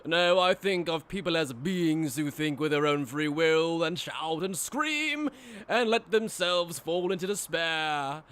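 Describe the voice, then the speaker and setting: In an anime fan dub, a man plays a cruel, mocking aristocratic villain, his coldly disdainful lines delivered in pompous, sneering, theatrical formal speech. His slightly high voice is expressive, clear, resonant and fairly bright, at a measured pace.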